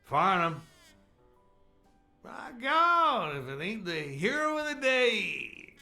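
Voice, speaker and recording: A rowdy old Texan swaggers through his lines in a gravelly, slow drawl. His voice swings wildly up and down and rings bright and high, full of cussing and hearty laughter. It is a video game character. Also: very animated, faint music behind, heavily acted. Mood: boastful. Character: boisterous older Texan man, crude and jovial.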